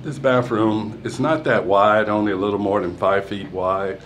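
On the low side but a bit bright, a man's voice keeps a steady tone at normal speed as he informally shows off his two-story house, including part of a balcony. He rambles with fillers, recording on a phone camera in his hand as he walks, with slight background noise.

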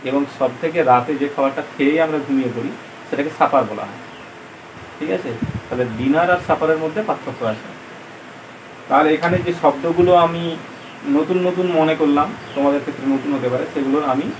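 A man's voice: a little high, background noise. A male teacher giving a patient, step-by-step lesson, asking and answering his own questions as he explains English words.

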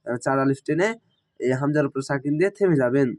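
A man teaching Quran reading, spelling each word syllable by syllable and then reciting it slowly and drawn out. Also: mid-range voice, darkish tone. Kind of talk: step-by-step recitation lesson.

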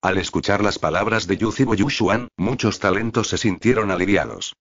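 A man with a low voice narrates an audiobook at a steady, even pace, adding little expression to the reading. The recording sounds dull and lo-fi, as if the top end were rolled off. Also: moderate pace.

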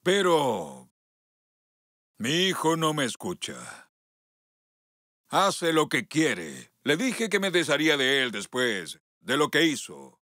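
A slow, apologetic ashamed father. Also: a little high, huge pitch swings, sharp tone, no room sound, studio quality, heavily acted. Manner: apologetic, measured. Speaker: voice actor in a film dub. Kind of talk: dubbed film acting.

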